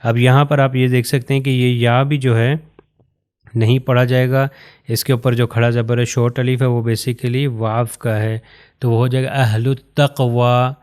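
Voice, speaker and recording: A man from Pakistan, teaching Quran recitation patiently and step by step, pointing to written examples and slowing down to recite phrases carefully. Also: medium pitch, level tone, a little mellow, clear, resonant tone. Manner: slows down to recite Arabic phrases with care. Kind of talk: recorded lesson explaining to learners.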